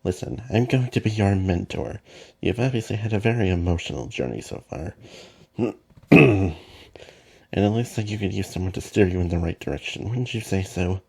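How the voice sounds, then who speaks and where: A man voicing a patient male mentor who explains things in a calm, measured way. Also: fairly low pitch, creaky, husky, heavily acted. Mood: reassuring.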